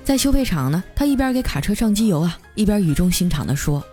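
A woman, hosting and telling a comic story in a lively, chatty way. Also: medium pitch. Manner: lively, chatty, drawn-out particles. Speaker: radio story host. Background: faint music.

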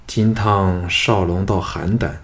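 A man reading the lines of a scheming, vengeful young noblewoman in a soft, subdued voice. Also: low-pitched, steady tone, slow, heavily acted.

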